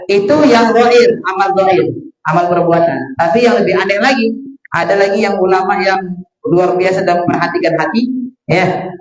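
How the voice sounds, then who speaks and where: A man teaches a religious study lecture in a fairly high voice. He repeats points patiently, peppering them with "ya" and translating Arabic quotes. The sound is roomy and echoey. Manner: repetitive explaining with frequent "ya" fillers, quoting Arabic then translating. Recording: roomy echo.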